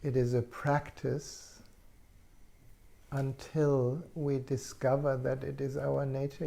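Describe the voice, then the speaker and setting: A man speaking as a spiritual teacher in an unscripted satsang, slow and serene like a guru, with long pauses and a soft, gravelly voice. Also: mid-range voice. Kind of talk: unscripted satsang talk, answering questions. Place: online video call session.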